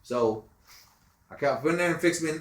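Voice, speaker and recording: A middle-aged man, a father telling family ghost stories in a casual, animated way, acting out quotes loudly. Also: on the high side, normal speed, echoey room, slight background noise. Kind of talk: casual storytelling.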